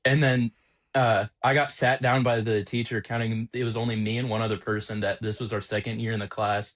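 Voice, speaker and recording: A man's voice: fairly low pitch, flat delivery, fairly quick. A young man hosting a podcast, telling a casual story in a rambling way with lots of filler words. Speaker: podcast host.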